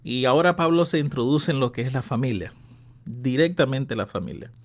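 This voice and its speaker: A man's voice: medium pitch, a little fast. A man in his thirties hosting a Bible-lesson radio program, friendly and chatty, laughing often. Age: 30s. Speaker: radio host and pastor.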